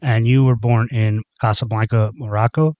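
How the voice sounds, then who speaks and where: A man's voice: medium pitch, fairly even intonation, normal speed, warm tone, no room sound, dull audio. A man hosting a podcast, asking plain questions and giving short agreeing replies in a casual interview. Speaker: podcast host.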